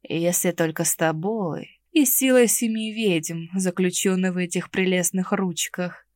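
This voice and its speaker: A woman voicing a slow, haughty male necromancer. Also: lowish voice, a little mellow, no echo, close to an everyday voice. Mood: languid mocking. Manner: slow, languid, predatory drawl. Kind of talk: audiobook character reading.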